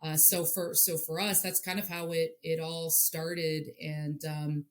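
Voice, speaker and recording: Casting: woman coach in her forties, from Hawaii, very low voice, earnest and halting. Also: little pitch movement, a little hiss or hum. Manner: earnest, repeats words while searching for them. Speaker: softball head coach. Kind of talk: interview guest.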